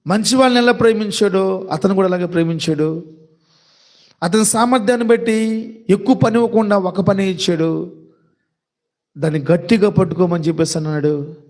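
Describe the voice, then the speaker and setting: A man preaching a sermon who keeps asking rhetorical questions, repeats his lines and speaks fondly to his listeners, slowing down to stress key words. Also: sits high, a little mellow. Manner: addresses listeners directly and fondly.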